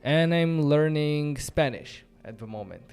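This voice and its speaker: The host of a coding livestream, a Romanian man speaking English as a second language, thinks out loud in a loose, chatty manner full of fillers. His voice is fairly high and a little mellow, and he speaks a little slowly, with faint music in the background.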